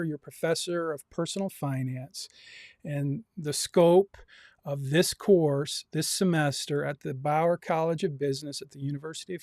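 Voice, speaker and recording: A man's voice: a little high, darkish tone, no echo, studio quality. A man teaching a livestreamed university class, reading out students' comments and coaxing more answers. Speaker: university professor.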